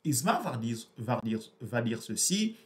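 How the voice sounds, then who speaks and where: Very animated yet a bit slow, this medium-pitched reviewer, a native Portuguese speaker, talks through a book. The delivery stays halting and repetitive, packed with filler words.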